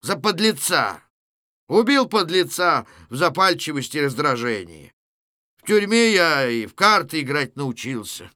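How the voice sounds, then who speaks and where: A cynical, worldly ex-convict who mocks and lectures, read by a man. The voice is bright and lively, swinging up on its points. It sits close and dry to the mic. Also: a little high, a little slow, no room sound, heavily acted. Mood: sardonic. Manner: sardonic, lecturing.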